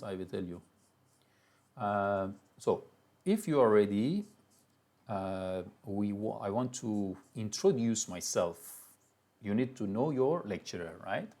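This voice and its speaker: A man with a Persian accent lectures a class in a casual, rambling way, often stopping to rephrase himself. His voice sits on the low side. He sounds like a university teacher talking to students in a classroom. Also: darkish tone. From Iran. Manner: loose, chatty lecturing with many restarts and fillers.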